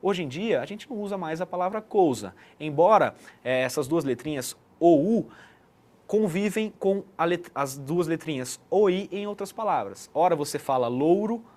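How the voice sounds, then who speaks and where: A man's voice: fairly high pitch, expressive, moderate pace, darkish tone. A man giving an explanatory online lesson as a teacher, checking in with the listener often. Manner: didactic, frequent "né" tag questions.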